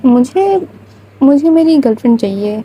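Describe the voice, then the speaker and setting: A woman's voice: high-pitched, expressive, slightly rough, dull audio. A woman voicing a bubbly young woman in love who coaxes and pleads in a sing-song way. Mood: playful.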